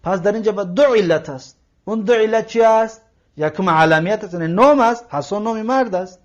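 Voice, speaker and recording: Slightly high man teaching, muffled lo-fi sound. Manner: explains word by word, translating and parsing, often repeating phrases. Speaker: Arabic teacher. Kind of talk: grammar lesson. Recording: lo-fi muffled recording.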